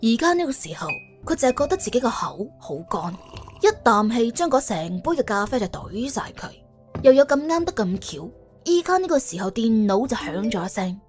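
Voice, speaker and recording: A woman with a slightly high, darkish voice narrates an audiobook. Her accent is Hong Kong or Guangdong Cantonese, and she tells a colourful scripted story with drama, colloquial flair and humour.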